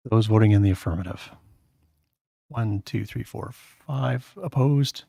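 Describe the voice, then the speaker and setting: Man chairing a council session, halting delivery, gravelly low voice, dry. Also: mellow, dry recording. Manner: halting, many filler sounds. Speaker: meeting chair.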